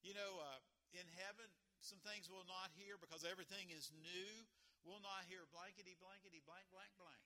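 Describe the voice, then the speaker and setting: A man's voice: sits high, steady tone, moderate pace, bright, forceful tone. A man preaching a sermon in a folksy way, repeating words and chuckling between points. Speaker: pastor.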